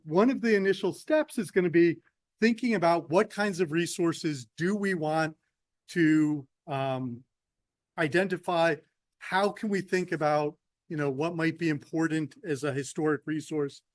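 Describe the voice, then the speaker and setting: A male professor leads a workshop in a somewhat high voice. He talks conversationally and addresses the group directly. The sound is dry with little room echo. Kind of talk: lecture with instructions. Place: meeting room.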